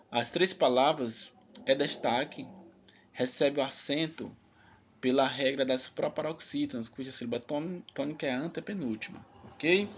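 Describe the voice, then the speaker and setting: A man's voice: a little high, highs cut off, a little hiss or hum. A man teaching an online exam-prep lesson in a chatty, casual way, leaning on filler tags.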